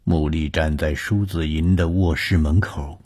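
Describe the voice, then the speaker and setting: Deep, slow male storyteller. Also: steady tone, darkish tone, husky. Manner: measured, suspenseful delivery. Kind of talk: scripted story narration.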